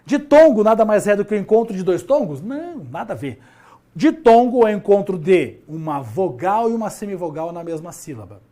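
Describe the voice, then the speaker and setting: Man, teacher, grammar lesson, lively swinging pitch, drawn-out emphasis. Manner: animated, drawn-out emphasis on key words, talks to himself.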